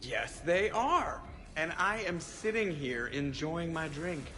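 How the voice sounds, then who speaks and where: A grumbling, wisecracking male pilot from a video game. He talks casually and sarcastically with a very mobile pitch. Music plays clearly behind him. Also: animated, slow pace, sharp tone, full character voice.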